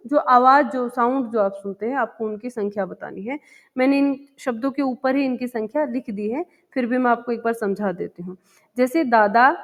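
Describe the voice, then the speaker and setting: Woman, primary school teacher, patient and repetitive, quizzes the class, fairly high pitch, reverberant muffled recording. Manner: patient, repeats words slowly and asks the class questions; chants the poem slowly and sing-song. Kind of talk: explaining a textbook lesson to young children. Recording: dull lo-fi sound with long reverb.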